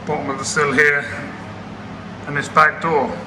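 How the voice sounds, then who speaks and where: Down-to-earth car restorer, flat delivery, slightly breathless, echoey garage. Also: male voice, fairly high pitch, unhurried. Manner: chatty, down-to-earth, self-deprecating. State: out of breath from machine polishing. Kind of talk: casual workshop commentary. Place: garage workshop. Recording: roomy workshop with clear background noise.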